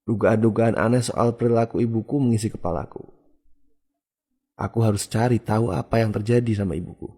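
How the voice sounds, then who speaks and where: Husky low-voiced man telling a horror story. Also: fairly even intonation, fairly quick, warm tone. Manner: casual, conversational telling. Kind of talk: first-person horror story narration.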